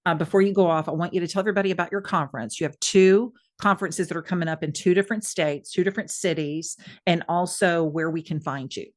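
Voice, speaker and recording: A woman's voice: lowish voice, fairly even intonation, quick pace, few pauses. A woman hosting a podcast, chatting with a guest and signing off in an upbeat, encouraging way. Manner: upbeat, encouraging, laughs easily. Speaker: podcast host. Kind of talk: casual interview chat and sign-off. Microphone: remote video call.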